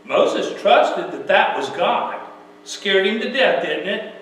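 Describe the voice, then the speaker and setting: A man's voice: high-pitched, expressive, slow pace, fairly bright tone. A man preaching a sermon in a folksy, plain-spoken way, often asking rhetorical questions. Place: church sanctuary. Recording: very echoey church, mic far off, faint hum.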